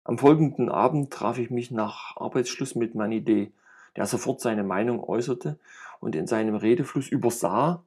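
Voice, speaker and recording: A male narrator reads a first-person story aloud. His voice is husky, with a middling pitch. His delivery is measured with a grumbling edge. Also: darkish tone.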